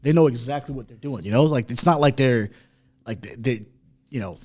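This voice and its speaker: A man who grew up in Chicago, co-hosting a casual podcast chat, emphatic and quick, swearing freely. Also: medium pitch, a little mellow. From Chicago area. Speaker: podcast co-host.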